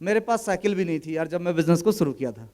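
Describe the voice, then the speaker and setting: A man's voice: a little high, lively intonation, rapid-fire, dark tone. A man in his thirties speaking at a business event, telling a motivational personal story in a casual, colloquial way and acting out the dialogue in his anecdotes.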